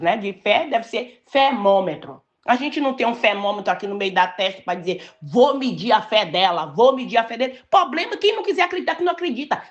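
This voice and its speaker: An older woman from Brazil preaching a sermon, telling a personal story and stressing key words slowly and emphatically. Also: on the high side.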